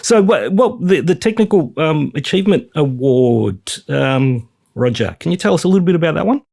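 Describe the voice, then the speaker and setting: Man, podcast host, gravelly husky voice, enthusiastic, chatty. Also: on the high side, lively intonation, normal speed, a little mellow. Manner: enthusiastic, loose and chatty, with frequent fillers. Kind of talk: casual podcast chat.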